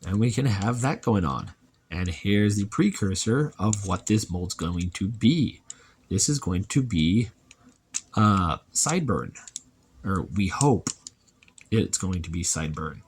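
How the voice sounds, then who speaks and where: A man with a fairly low voice walks through a toy review in a relaxed, chatty way, musing aloud as he goes. Faint clicks and handling sounds sit quietly behind him. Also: slow, slight background noise.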